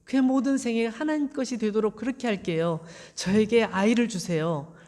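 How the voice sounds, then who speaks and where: A woman's voice: on the high side, animated, unhurried, darkish tone. A heartbroken young wife played by a woman preacher pleads earnestly in a Bible story told from the pulpit. Long church reverb lingers around each phrase. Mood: pleading.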